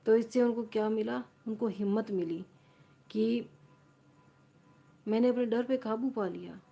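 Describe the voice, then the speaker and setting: A woman's voice: fairly high pitch, a little slow, gravelly, warm tone. A woman on a live stream, casually retelling a story to her viewers and repeating and rephrasing her lines as she goes.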